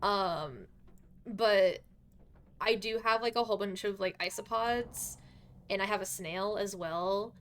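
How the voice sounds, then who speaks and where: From her bedroom, a young woman chats while gaming on a live stream, giggly and rambling, leaning on fillers. Her mid-range voice is slow and somewhat worn from recently losing it, and slight background noise can be heard.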